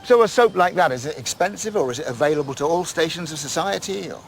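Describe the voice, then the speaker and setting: Enthusiastic male documentary presenter, very animated. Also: a little high, fast talker, creaky, soft background music. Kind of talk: on-location documentary conversation.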